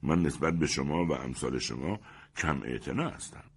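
A proud, aloof stranger at a wedding who looks down on everyone and answers in a calm, cutting way, read by a man in a storybook. The voice is very low and husky. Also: heavily acted. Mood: disdainful. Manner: calm, haughty and disdainful. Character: arrogant, aloof swarthy man, wedding gatecrasher.

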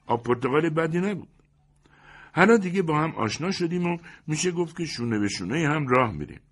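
A man's voice: fairly high pitch, lively intonation, slightly rough, voice pushed up. Man putting on a brash, nosy wedding best man. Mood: prying. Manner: loud, pushy and mocking.

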